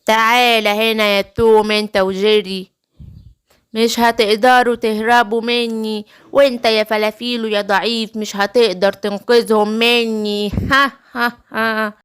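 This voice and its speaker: A woman's voice: on the high side, level tone, moderate pace, a bit bright, clean tone, close to an everyday voice. A woman with an Egyptian accent voicing a threatening male wolf villain in a cartoon. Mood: menacing. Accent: Egyptian Arabic. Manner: threatening, gloating.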